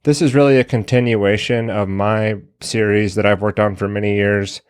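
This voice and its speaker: A man opening a prepared conference presentation in a measured, earnest way with pauses. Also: on the low side, steady tone, clear, resonant tone, no room sound, studio quality.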